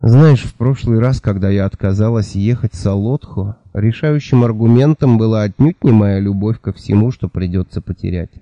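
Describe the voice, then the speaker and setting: A man reading the lines of an irritable, sharp-tongued elf-like young woman in an audiobook, in a snappish manner. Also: lowish voice, normal speed, hardly any pauses, dry recording, highs cut off, close to an everyday voice. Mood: brooding.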